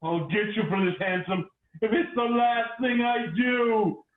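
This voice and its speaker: An actor playing a vicious, wordy, mustache-twirling villain in a hammy stage melodrama. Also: male voice, sits high, measured pace. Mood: thwarted, vengeful. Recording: echoey, tinny phone-like online call.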